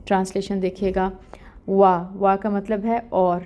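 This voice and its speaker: A woman's voice: medium pitch, little pitch movement, mellow. A woman teaching Quran recitation rules, explaining each letter patiently and step by step. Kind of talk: step-by-step tajweed lesson.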